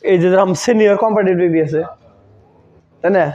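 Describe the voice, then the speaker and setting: A man's voice: high-pitched, fairly even intonation, fast talker, warm tone. A man teaching an English grammar lesson, repeating key words and checking that students follow. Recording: dull lo-fi recording.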